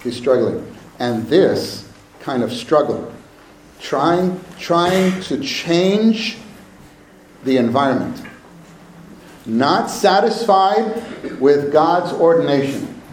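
A man preaching a sermon at a pulpit microphone, slow and emphatic, often repeating his phrases. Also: a little high, animated. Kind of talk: sermon to a congregation. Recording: echoey hall with faint room noise.

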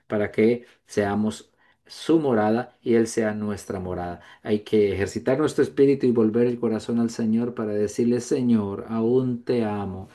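Male preacher, mellow tone, earnest sermon delivery, swings between high prayerful calls and hushed lines. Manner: earnest, rises high on quoted prayers, drops soft on tender lines.

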